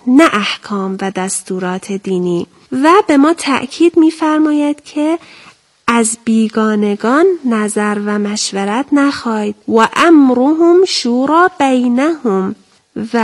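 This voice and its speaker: Brief: woman teacher-host in a TV studio, raised pitch, careful and deliberate delivery. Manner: careful, deliberate, slows down for quoted verses. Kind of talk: televised Quran memorization lesson.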